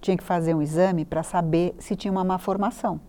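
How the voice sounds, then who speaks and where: A woman in her sixties with a Brazilian Portuguese accent, a therapist telling a personal story as a guest, animated and acting out her own past thoughts. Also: fast. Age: 60s. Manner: animated, acts out her own past thoughts, voice climbs high when recalling panic.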